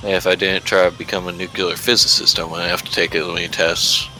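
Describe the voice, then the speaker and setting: A man's voice: sits low, level tone, fairly quick, bright, forceful tone, soft background music, rough recording. A man chatting casually on a podcast as a co-host, explaining things in a wordy way.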